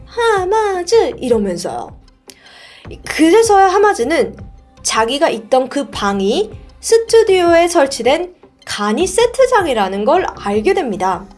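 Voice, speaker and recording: Lively chatty woman telling a story. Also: sits high. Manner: chatty, animated, asks the listener questions. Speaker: storyteller host. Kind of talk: casual storytelling narration.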